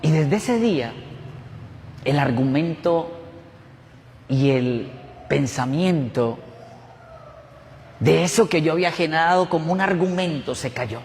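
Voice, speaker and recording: High-voiced pastor preaching. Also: male voice, animated, slow pace, long pauses, a little mellow, in a large hall, slight background noise. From Colombia. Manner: emotional, repetitive storytelling. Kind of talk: testimonial sermon. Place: church.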